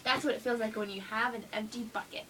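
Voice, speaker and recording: High-voiced young woman reading aloud. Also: fairly even intonation, fast. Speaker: reader playing a schoolteacher. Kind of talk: informal read-aloud of a children's story. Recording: distant mic with faint noise.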